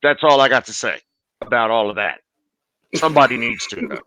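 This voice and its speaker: A man joining a live stream by video call, making his point in a measured, repetitive way. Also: medium pitch, lively intonation, bright, forceful tone, no echo. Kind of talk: casual video call chat.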